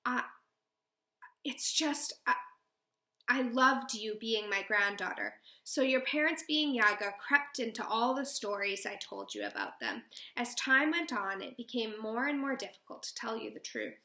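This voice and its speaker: Calm wise old grandmother as a woman reads her, hushed and halting, bright tone, roomy echo. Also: fairly high pitch, exaggerated voice.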